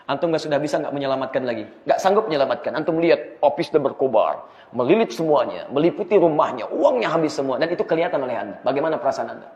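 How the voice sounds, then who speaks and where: A man preaching an Islamic study sermon, asking the audience rhetorical questions in a lively way. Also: fairly high pitch, fast talker. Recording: echoey hall, slightly dull sound.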